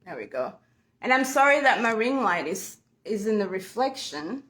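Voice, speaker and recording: With big pitch swings in a mid-range, slightly bright voice, a young woman from Uganda chats upbeat to viewers at a normal speed. She's a furniture painting vlogger working on a home project, and the camera mic gives a roomy sound.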